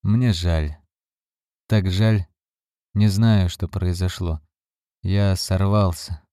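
A man's voice: low-pitched, steady tone, extremely slow, dark tone, dry recording, studio quality, full character voice. A man reading an audiobook, voicing a tense, restrained grown man. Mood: remorseful. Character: middle-aged man, tense stepfather figure. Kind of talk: audiobook character voice.

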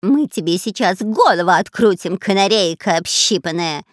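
Woman reader doing a nasal-pitched, cowardly male robber, whiny and raised, with a dry close sound. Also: sing-song, normal speed, no echo. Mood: squealing. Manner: whining, squealing, quarrelsome. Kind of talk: audiobook character voice.

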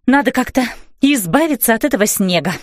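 A woman reading a storybook aloud voices a fairy mother who calls out slow, emphatic commands and exclamations. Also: fairly high pitch, lively intonation, no room sound, clean studio sound, lightly acted. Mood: fretful. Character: kind fairy mother, flustered and gentle.

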